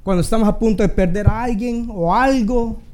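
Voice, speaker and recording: A man's voice: high voice, normal speed, darkish tone, a little hiss or hum. A man with a Dominican accent preaching a sermon, earnest and conversational, with bursts of humor. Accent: Dominican Spanish. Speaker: pastor.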